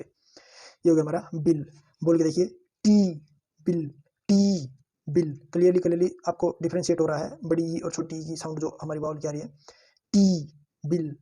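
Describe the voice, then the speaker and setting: A man teaching a shorthand lesson, saying each word slowly and several times so students can repeat after him, and calling his viewers friends. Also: on the high side, mellow. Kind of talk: lesson with drilled repetition.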